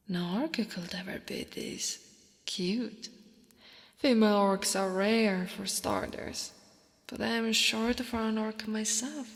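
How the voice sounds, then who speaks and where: A woman from Italy whose first language is Italian takes on the role of a short female orc guard in intimate ASMR roleplay. Her medium-pitched voice is soft and breathy, drifting into whispering, and her manner is doting yet gently dominant.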